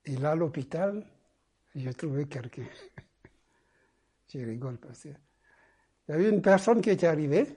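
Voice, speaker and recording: A man preaching a testimony sermon in a halting way, repeating his phrases and swinging between loud urging and soft murmurs. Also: fairly high pitch, animated, breathy edge.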